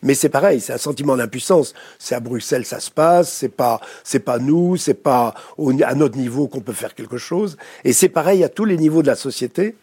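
A therapist from France, speaking with a French accent, appears as a guest in a studio interview. His medium-pitched voice is animated, darkish and slightly rough, and he is reflective, often pausing to search for words.

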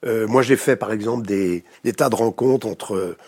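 A French man with a French accent, a therapist speaking as a guest in an interview, reflective and pausing often to search for words. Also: lowish voice, a little mellow, husky. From France. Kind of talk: studio interview.

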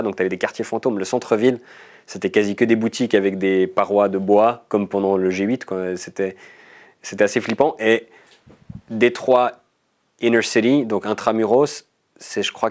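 A man in his thirties from Switzerland with a Swiss French accent, a guest telling stories in a casual interview, often pausing with hesitations. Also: on the low side, darkish tone. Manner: chatty, storytelling, frequent hesitations. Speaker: guest comedian.

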